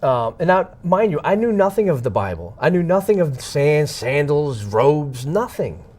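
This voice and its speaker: A man sharing a personal testimony as an interview guest, speaking dramatically and swinging between hushed and loud passages while acting out the dialogue he recalls. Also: fairly high pitch, very animated, normal speed. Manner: acts out dialogue in his retelling. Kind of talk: emotional storytelling.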